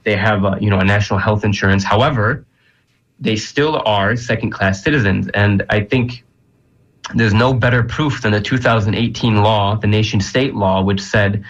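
Earnest man, low voice, dull audio. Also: normal speed. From Palestinian American. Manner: earnest, searching for words with frequent fillers. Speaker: guest. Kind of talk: interview answers.

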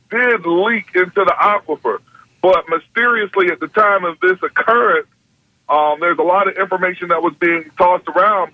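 A man calling into a radio show over a phone line, speaking in an earnest, measured way. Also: a little high, no echo. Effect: heard through a phone line on a radio call-in. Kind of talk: call-in comment. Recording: dull, dry phone line.

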